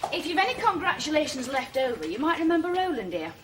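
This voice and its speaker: A firm, authoritative police inspector, her voice lively and a little high. She speaks in measured terms. Faint hiss sits under the old TV drama sound. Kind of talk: 1980s British TV police drama.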